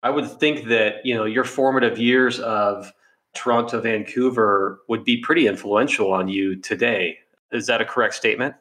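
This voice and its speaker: A man's voice: lowish voice, steady tone, moderate pace, fairly bright tone. A man hosting an interview podcast, introducing his guest and steering the chat with friendly questions. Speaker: podcast host.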